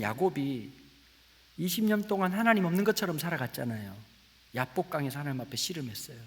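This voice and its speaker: A man in his forties preaching a sermon, telling a family story with lively acted-out dialogue and sudden drops to a whisper. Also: on the high side. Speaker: pastor. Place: church sanctuary. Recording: echoey church hall with faint hiss.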